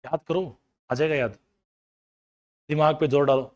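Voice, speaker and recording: A man's voice: a little high, fairly even intonation, normal speed, a little mellow, dull audio. Man coaxing a class of students. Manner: coaxing students to recall answers; everyday household examples, mixing in English terms. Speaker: accounting teacher. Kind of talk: classroom lecture.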